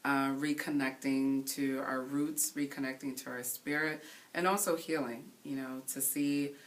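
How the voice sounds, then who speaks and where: A woman in her thirties, a DJ from Haiti, talking earnestly in a casual interview and pausing to find her words. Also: a bass voice, steady tone. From Haiti, raised in the Bronx. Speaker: interview guest. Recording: voice somewhat distant from the mic, faint hiss.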